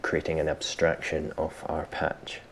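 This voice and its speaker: With a rumbling low voice and a completely flat delivery, a man unhurriedly presents a casual software tutorial. He thinks aloud informally and pokes fun at himself, and some background noise is audible in the recording.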